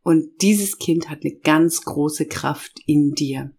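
Her voice sits low and mellow, though hoarse from a cold, as this middle-aged inner-child coach hosts her self-help podcast. She addresses listeners directly in warm, guided talk, naming feelings one by one, slowly and with emphasis.

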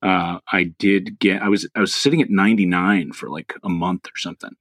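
Deep-voiced man chatting about birds. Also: steady tone, fairly quick, fairly bright tone, dry recording. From Philadelphia area, US. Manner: rambling, many fillers and restarts. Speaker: podcast co-host. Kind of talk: casual birding chat.

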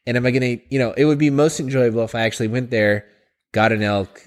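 A man's voice: mid-range voice, fast. A man co-hosting a podcast in casual chat, dry and a bit sarcastic. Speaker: podcast co-host.

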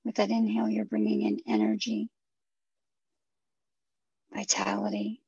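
Soft breathy lady doing guided meditation, super creaky n mellow, almost whispery, kinda dull lo-fi audio. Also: medium pitch, completely flat delivery, unhurried, dry recording. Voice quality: soft, breathy, husky, at times near a whisper. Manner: soothing, gentle, instructive.

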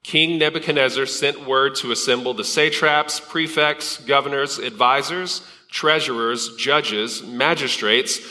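A man's voice: mid-range voice, unhurried, few pauses, pushed and bright. A male pastor preaching a sermon in a church sanctuary, conversational with fillers and restarts, heard with a long hall reverb.

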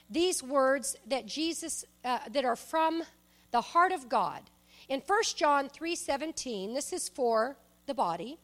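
A middle-aged woman preaching a sermon, telling lively stories that swing from loud bursts to soft asides, laughing often. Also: high-pitched.

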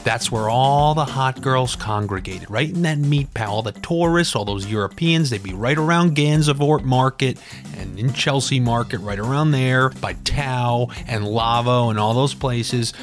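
A man, hosting a comedic podcast monologue. He rants sarcastically, pokes fun at himself and rambles through his stories in an average-pitched voice. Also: normal speed, faint music behind. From New York. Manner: sarcastic, ranting, self-deprecating. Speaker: podcast host.

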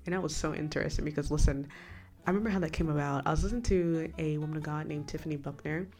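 Low-voiced woman hosting a chatty faith podcast. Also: steady tone, fast talker, darkish tone, faint music behind. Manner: chatty, rambling, asides to the listener. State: slight lisp from a new retainer. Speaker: podcast host. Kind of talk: casual faith podcast monologue.

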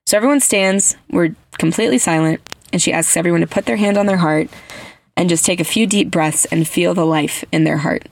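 A podcast host with a fairly low, slightly fast voice tells stories in casual, gushing chat. She's an earnest, gushing storyteller who leans heavily on "like" as a filler.

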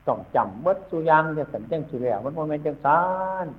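A husky-voiced man with an Isan Thai accent gives an informal Dhamma talk, wandering from point to point in a folksy way and humming as he thinks. The sound is thin and phone-like, as if it came down a telephone line. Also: on the high side, lively intonation, quick pace. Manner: rambling, folksy, frequent thinking hums. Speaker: Buddhist monk teaching new monks. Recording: tinny phone-like recording.

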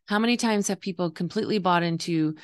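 A woman with a gravelly, slightly hoarse voice talking earnestly and reflectively as a coach hosting a solo podcast, explaining her views. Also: lowish voice, quick pace. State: voice partly gone, slightly hoarse. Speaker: intuitive coach and podcast host.

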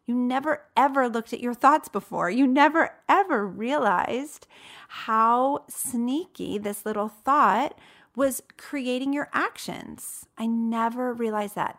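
This motivational talk comes from a coach and host, a woman in her late thirties with a fairly high, somewhat bright voice. She speaks emphatically and conversationally, posing rhetorical questions.

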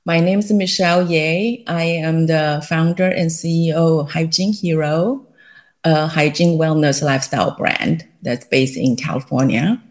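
A middle-aged woman with a Taiwanese accent, a company founder, tells her story as a guest in a casual interview, using many fillers and light laughs. She has a deep voice and an unhurried pace.

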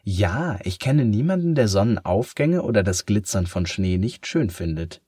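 A man's voice: fairly low pitch, very animated, moderate pace, warm tone, slightly rough, dry recording, studio quality. A man voicing an earnest young boy in a children's story, lifting his voice above his own. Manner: earnest, lifted voice.

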